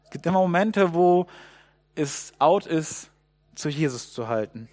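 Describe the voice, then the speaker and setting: A man preaching a sermon, telling a Bible story with lively swings between loud outbursts and hushed asides. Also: fairly high pitch, measured pace.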